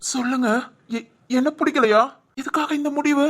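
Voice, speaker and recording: A woman voicing a gentle young husband in a dubbed cartoon drama, earnestly pleading and reassuring. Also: sits high, moderate pace, natural voice.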